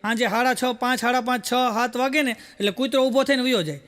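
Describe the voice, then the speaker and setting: A man's voice: extremely high pitch, brisk, a bit bright. A man telling folksy jokes on stage as a stand-up comedian, stringing his stories together with "I said" and "he said". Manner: folksy storytelling, full of "I said" and "he said". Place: stage show with a live audience. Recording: long hall reverb.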